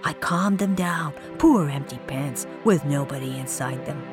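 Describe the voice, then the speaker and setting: A woman reading a rhyming children's story aloud, shifting from hushed lines to shrieking ones. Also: low voice, unhurried. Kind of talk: dramatic storybook read-aloud. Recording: music playing behind the voice.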